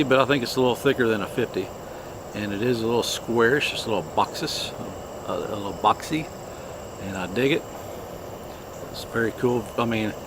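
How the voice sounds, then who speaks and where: A man with a fairly low voice talks casually as a review host. His delivery is plainspoken and unhurried, with halting stretches. The recording is clearly noisy, with insects and ambient sound behind him. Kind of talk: casual product review chat.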